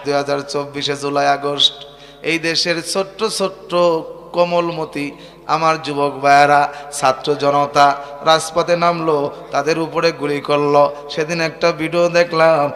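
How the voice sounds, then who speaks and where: A male preacher giving an impassioned sermon, often shouting. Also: fairly high pitch, level tone, unhurried, long reverb tail, a little hiss or hum. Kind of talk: fiery outdoor sermon.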